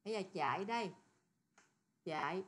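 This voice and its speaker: Bright-voiced woman teaching code. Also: lowish voice, animated, moderate pace. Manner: chatty, asks students questions. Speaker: programming teacher. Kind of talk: screen-recorded coding lesson.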